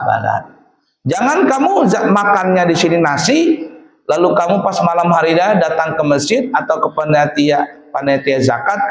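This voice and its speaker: A man giving a casual religious lesson to boarding-school students, quizzing them with questions and answering them himself. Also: high voice. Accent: Indonesian. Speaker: pesantren teacher. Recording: echoey hall with a crowd of students.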